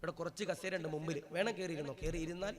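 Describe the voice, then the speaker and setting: A preacher from Kerala giving an impassioned devotional sermon in a rhythmic, repetitive sing-song style at a live gathering. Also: male voice, fairly high pitch, rapid-fire. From Kerala, India. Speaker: Islamic preacher. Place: live religious gathering with seated audience. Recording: live event recording with audible crowd. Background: crowd of listeners.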